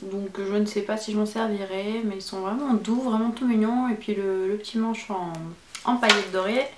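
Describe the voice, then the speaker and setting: Woman doing a chatty makeup review, excited about the colors, bit of room echo. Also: mid-range voice, moderate pace. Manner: chatty, enthusiastic describing shades. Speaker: beauty vlogger.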